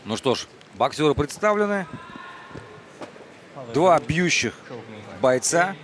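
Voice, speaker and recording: A man's voice: fairly high pitch, sing-song, slow. A man giving live play-by-play boxing commentary as a commentator. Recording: loud crowd noise over commentary.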